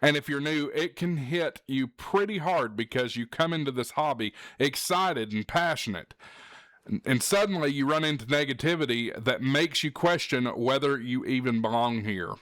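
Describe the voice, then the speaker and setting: A male ham radio show host chats directly to camera at a normal pace, his medium-pitched voice a little bright. Earnest and encouraging, he punches key words. The studio sound is clean, with no room sound.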